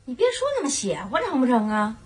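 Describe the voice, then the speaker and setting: Sharp-tongued sitcom mother, chatty, laughing, high voice. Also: big pitch swings, slightly rough, heavily acted. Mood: bantering. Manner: chatty, quick-witted, bantering, laughs while talking. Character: lively, sharp-tongued middle-aged mother. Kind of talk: sitcom acting.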